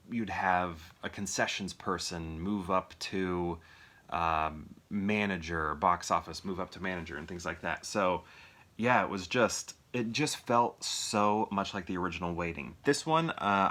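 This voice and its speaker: This deep, sharp-toned man is a movie reviewer talking off the cuff to viewers. He rambles and thinks aloud, questioning himself as he goes.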